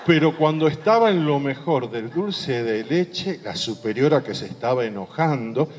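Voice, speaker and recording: A priest tells a light, joking story in his sermon, breaking off for playful asides. His voice sits at a middle pitch. A long reverb hangs on every phrase. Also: animated, moderate pace, darkish tone. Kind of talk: humorous anecdote in a sermon.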